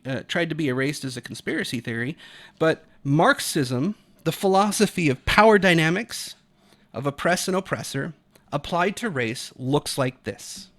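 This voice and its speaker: Speaking with a voice on the high side and a fairly bright tone, a man from Utah in the United States delivers off-the-cuff video commentary full of opinions, arguing emphatically and swearing casually.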